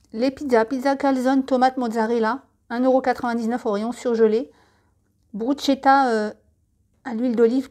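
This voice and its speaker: A woman's voice: fairly high pitch, darkish tone. A French woman chatting through a supermarket catalogue, listing products and prices with friendly tips and asides. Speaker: catalogue presenter.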